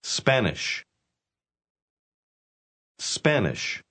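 Brief: American male drill speaker, deliberate and over-articulated, very lively intonation. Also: medium pitch. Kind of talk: slow syllable-by-syllable pronunciation drill.

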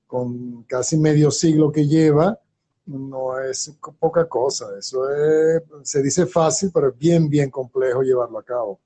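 An older man from Venezuela, a basketball coach, answering interview questions in a measured, reflective storytelling manner. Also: a little high, dark tone, slightly rough.

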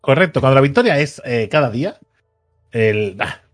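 A man tells a story in relaxed podcast chat. His voice sits at an ordinary middle pitch, and he puts on the voices of the people in his story with a playful, teasing edge. Faint music runs underneath. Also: moderate pace. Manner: animated, acts out quoted people, teasing.

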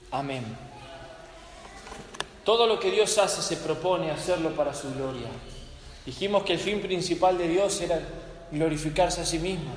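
A man preaching a sermon, telling stories dramatically and slowing down with weighty pauses for emphasis. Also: a little high. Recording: echoey hall with faint noise.

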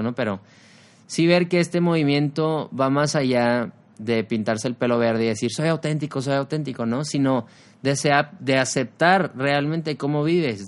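A young man with a Mexican accent, hosting a relaxed motivational podcast in a casual, slangy way, often tagging his points with a questioning aside. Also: mid-range voice. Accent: Mexican Spanish. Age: young adult. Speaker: podcast host.

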